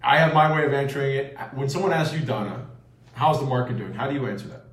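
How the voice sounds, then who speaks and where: In a roomy, echoing space, a man talks as an interview host at a medium pitch. He is conversational and affirming, summing up answers before moving on to questions. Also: racing, a bit bright. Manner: affirming, recaps answers back. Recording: echoey room.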